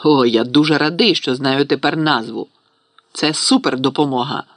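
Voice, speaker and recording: A man's voice: on the high side, moderate pace, a bit bright, dry recording, lightly acted. A man voicing a sarcastic, hot-headed schoolboy wizard who blusters at his friends, in an audiobook reading.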